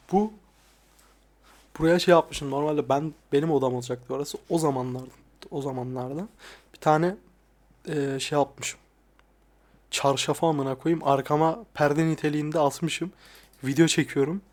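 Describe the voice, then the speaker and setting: Soft-spoken swearing young man. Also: fairly even intonation, normal speed, pauses often. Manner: crude, frequent swearing; soft-spoken, dropping voice low at times. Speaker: ASMR YouTuber. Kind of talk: casual soft-spoken vlog. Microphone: lapel mic.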